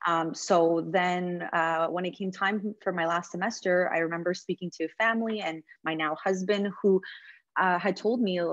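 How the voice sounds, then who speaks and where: A woman's voice: fairly low pitch, fairly even intonation, moderate pace, no room sound. Woman from Montreal giving a talk over a video call. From Montreal, Canada. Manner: conversational, with frequent fillers and self-restarts. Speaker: guest speaker, news reporter. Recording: dull dry video-call audio.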